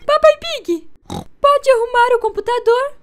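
A woman's voice: very high-pitched, a little slow. A woman voicing a strict, busy mother pig with a firm, motherly manner in a cartoon parody dub. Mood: businesslike.

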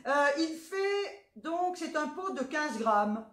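Chatty high-voiced woman, southern French accent. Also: animated, takes it slowly. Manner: chatty, frank and cheeky, swears freely. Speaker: vlogger showing a grocery haul. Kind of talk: casual haul chat. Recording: echoey room.

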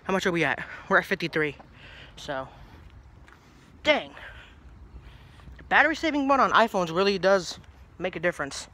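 This young adult vlogger from New Jersey has a high, sharp voice with big pitch swings, a moderate pace, and frequent pauses. He's in his twenties, outdoors near a brick house on grass, casually talking to a phone held low at arm's length and wandering off topic.

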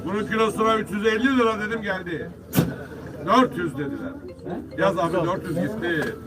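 High-voiced male auctioneer in a loud crowd. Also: steady tone, a little fast. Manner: repetitive sales calls addressed to the gathered buyers. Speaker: fish auctioneer. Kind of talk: live auctioneer calling prices and selling lots to bidders. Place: busy fish market auction. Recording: distant mic amid loud market crowd. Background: loud crowd of buyers.

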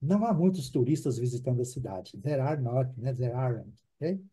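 Husky, mellow-voiced male teacher. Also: medium pitch, lively intonation, moderate pace. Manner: patient, repeats words for drilling, keeps checking in with the class. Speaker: English teacher. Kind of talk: online English class in Portuguese.

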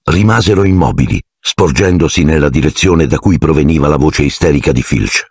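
A man narrating an audiobook in an expressive storytelling manner. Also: very deep voice, fairly quick, gravelly, slightly rough, no room sound, clean studio sound.

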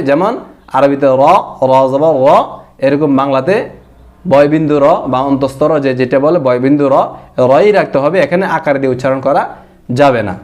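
Man, Bangladeshi Bengali accent, recitation teacher, emphatic, slightly high voice. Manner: emphatic, repeats his points; stretches out words slowly when demonstrating. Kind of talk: explanatory lesson.

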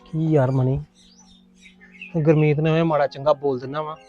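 A man's voice: fairly high pitch, flat delivery, moderate pace, mellow, soft background music, natural voice. A young man playing a hot-tempered husband who frets aloud and then scolds his wife, in a family drama. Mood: worried. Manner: muttering to himself, then exasperated scolding. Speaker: actor in a family web drama. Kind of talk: acted family drama dialogue. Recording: dull, muffled recording.

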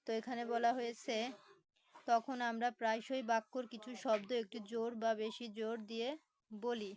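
Slow, patient woman teacher spelling words. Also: on the high side, flat delivery, a little mellow, poor audio. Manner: spells words letter by letter, slow explanations with many fillers. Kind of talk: online lesson explaining a textbook.

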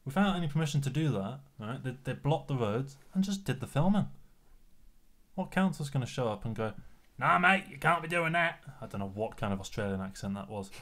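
Wry man in a mid-pitched voice on a podcast. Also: big pitch swings, brisk, a little mellow. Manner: wry, jokey asides. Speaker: podcast co-host. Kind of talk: casual podcast chat.

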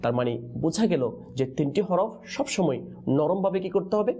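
A man teaching the pronunciation of Quranic letters in a lesson, pausing on questions so his students answer in chorus. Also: high voice, expressive, mellow, slightly rough. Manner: call-and-response teaching, prompting answers with questions.

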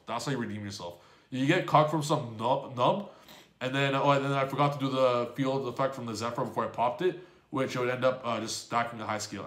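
A man hosting a gaming channel, recapping a card game match in casual commentary, excitable and swearing freely as he quotes his own reactions. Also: mid-range voice, reverberant.

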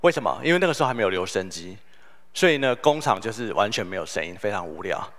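A man's voice: lowish voice, sing-song, quick pace, a bit bright. A man, giving a humorous, story-driven conference keynote. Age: 40s. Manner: humorous, storytelling, self-deprecating. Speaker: keynote speaker. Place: conference hall.

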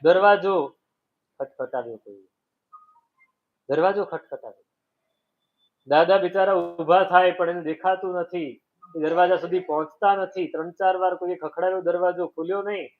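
A man's voice: high voice, fairly even intonation, normal speed, long pauses. A man giving a devotional sermon, telling a story and acting out its voices and sounds. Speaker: preacher. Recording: tinny phone-like sound.

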